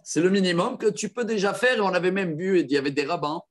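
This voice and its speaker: A man teaching a lively class on religious law as a rabbi, enthusiastic and quick with praise for his students. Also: high-pitched. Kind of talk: lively halakha lesson with students.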